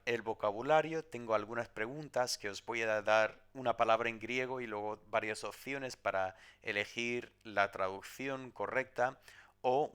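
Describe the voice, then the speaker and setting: Man teaching Greek grammar, smooth voice. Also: lowish voice, a bit bright. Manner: explains step by step, often asking "¿vale?"; drills forms slowly, syllable by syllable. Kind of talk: recorded grammar lesson.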